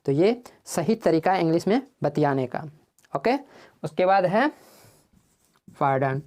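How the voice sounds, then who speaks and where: Male English teacher, mellow voice, drills phrases slowly and quizzes the class, answering his own questions. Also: fairly high pitch, lively intonation. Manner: asks the class questions and answers them himself. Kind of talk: spoken English lesson in Hindi.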